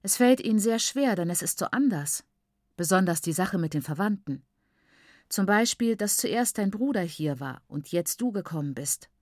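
A prim, chattering mother, voiced by a woman reading a novel aloud. She lectures on manners in a brisk, falsely cheerful tone, pitched a little above the reader's own low voice. The recording is close and dry. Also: expressive, no room sound, close to an everyday voice. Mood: chatty.

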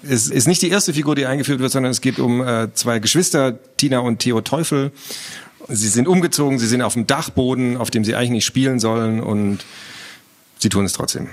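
A man hosting a casual chat who reads aloud from his own book in a lively storytelling manner. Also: medium pitch. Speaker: host.

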